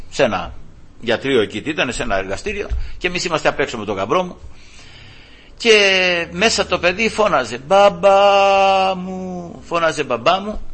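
An older man, a grandfather, preaching and telling a heartfelt story to his congregation, warm and emotional with many restarts. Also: mid-range voice, slightly rough. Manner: emotional, animated, restarts often. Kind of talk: storytelling sermon.

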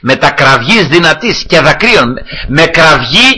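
A male preacher delivers a sermon, retelling scripture with dramatic emphasis. His voice sits fairly high and sounds bright, with a husky grain. He keeps turning back to address his brothers. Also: very animated, low-quality recording.

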